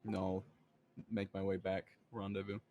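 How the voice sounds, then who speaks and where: A man playing a tabletop game in character, speaking in a measured way. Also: low-pitched, completely flat delivery, warm tone, lo-fi sound, faint music behind. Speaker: player.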